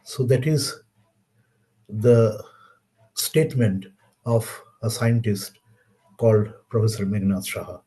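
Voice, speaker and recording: A man with an Indian accent giving a webinar lecture on science history, measured and halting with pauses. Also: lowish voice, warm tone. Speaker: webinar speaker.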